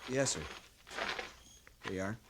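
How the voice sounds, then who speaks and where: An actor playing an earnest young cavalry lieutenant, formal and respectful, in an old-time radio western. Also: male voice, a little slow, background noise, lightly acted.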